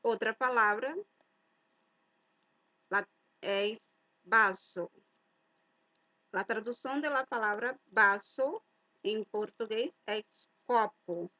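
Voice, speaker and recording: A woman teaching a language lesson to Spanish speakers, explaining each word slowly and deliberately, mixing Spanish words into her Portuguese and stressing the key words loudly. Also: fairly high pitch, dry recording, low-quality recording.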